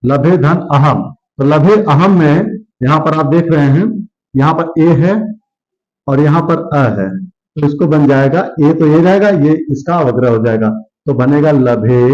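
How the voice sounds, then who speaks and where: A man teaches a grammar lesson at a very slow, deliberate pace, repeating each word and answering his own questions. His voice sits a little high for a man. The recording sounds dull and lo-fi. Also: a little mellow.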